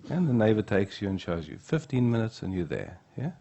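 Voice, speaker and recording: A man gives an unhurried spiritual teaching talk at a retreat, pausing often to check in with the room. His voice sits low and gravelly, with a dark, husky tone. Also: sing-song.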